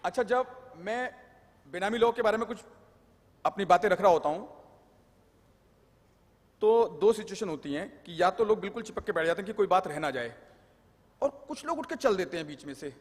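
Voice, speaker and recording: A man's voice: high-pitched, animated, normal speed, long pauses. A man giving a live lecture on tax law, explaining with jokes and anecdotes and mixing in English terms. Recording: long hall reverb.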